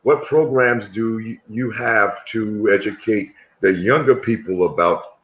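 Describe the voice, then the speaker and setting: Man, very deep voice, interview host, rambling questions, dull lo-fi sound. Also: a little slow, fairly bright tone. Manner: rambling, restarting questions with fillers.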